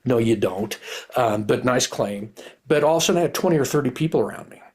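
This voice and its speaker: A man's voice: medium pitch, animated, fast talker, a little mellow, husky. A middle-aged man, a retired police officer, telling his story in a candid, rambling, earnest way, often restarting his sentences.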